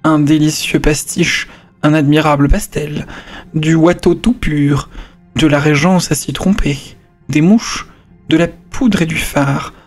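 A man's voice: fairly high pitch, faint music behind. Man reading fawning, mock-admiring poets. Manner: slow, drawn-out flattery.

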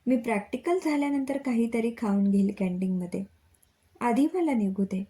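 A woman's voice: fairly high pitch, normal speed, dark tone, lightly acted. A woman voicing a caring young college student who pleads and hurries in a story reading. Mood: hurried.

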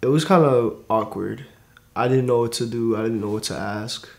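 A man's voice: mid-range voice, normal speed, vocal fry, darkish tone. Hesitant teenage boy in interview. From born in Korea, raised in New York. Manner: hesitant, plain-spoken. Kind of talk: interview answers. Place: studio against grey backdrop.

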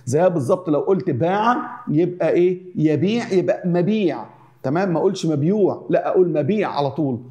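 Fast-talking Egyptian teacher, mellow voice. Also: male voice, on the high side, dull audio. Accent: Egyptian Arabic. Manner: repetitive explaining, drills examples in slow rhythmic lists. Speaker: Arabic teacher. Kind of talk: classroom grammar lesson.

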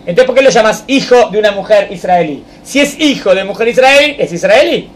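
A man, a rabbi, teaching a Torah lesson to students in a study hall, reciting verse slowly and then explaining it while checking that the class follows. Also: sits high, expressive. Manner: keeps checking understanding with the class.

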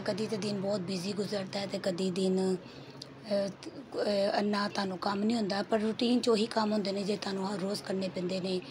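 A middle-aged woman with a Punjabi accent and a hoarse throat, chatting homely through her daily cooking vlog. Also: mid-range voice, background noise. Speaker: cooking vlogger. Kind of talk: casual vlog voice-over.

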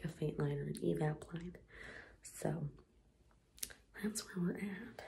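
A woman's voice: lowish voice, gravelly, a little hiss or hum. A young woman whispering a casual vlog at home early in the morning, rambling with lots of fillers so she won't wake anyone. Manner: whispering to keep quiet, rambling with many fillers. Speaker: vlogger.

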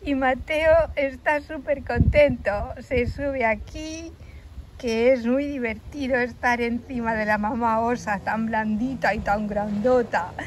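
A woman narrating a toy-play story for children, speaking gently and addressing young listeners directly. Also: on the high side, fairly even intonation, slow, a little hiss or hum, rough recording.

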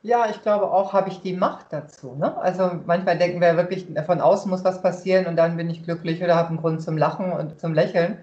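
A woman's voice: lowish voice, a little fast, hardly any pauses, dark tone. A woman guest in an interview, speaking reflectively and thinking aloud with small restarts. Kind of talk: casual interview chat. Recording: roomy, dull remote audio.

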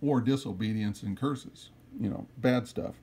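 A man's voice: on the low side, unhurried, mellow, husky. A man teaching scripture in a sermon, emphatic and full of rhetorical questions. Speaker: preacher.

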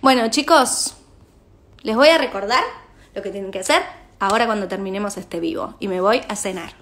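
Going live on her phone, a young singer from Argentina reads her fans' messages aloud and adds quick asides. She speaks Argentine Spanish in a mid-range voice that is a bit bright.

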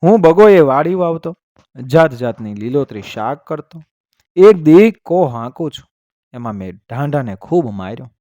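A man reading the part of a toothless, good-humored old village farmer who tells his own accident in plain rural speech, louder at the dramatic moments. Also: a little high, big pitch swings, normal speed, no room sound, clean studio sound. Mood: recounting.

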